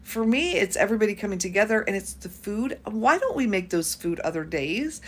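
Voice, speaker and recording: A woman's voice: medium pitch, lively intonation, fairly quick. Chatty American woman in her fifties. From United States. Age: 50s. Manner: chatty, reads out viewer comments. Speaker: YouTube host. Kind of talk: casual livestream chat.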